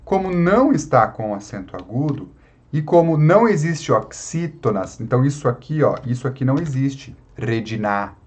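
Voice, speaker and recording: A man's voice: fairly high pitch, big pitch swings, moderate pace, a little mellow, slightly rough. A man teaching an online Latin lesson in Brazilian Portuguese, explaining patiently with frequent tag questions.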